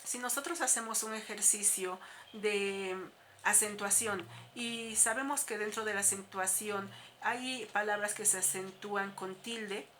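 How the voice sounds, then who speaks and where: A woman, a teacher explaining a class lesson in a steady, explanatory way with frequent filler sounds. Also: medium pitch, measured pace, slight background noise.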